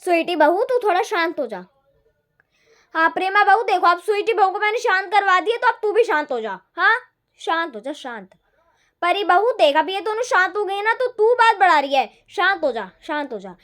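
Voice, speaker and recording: A woman's voice: very high-pitched, very animated, moderate pace, a bit bright, full character voice. A woman playing a middle-aged mother-in-law who patiently lectures her squabbling daughters-in-law in a homemade family drama. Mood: soothing, lecturing.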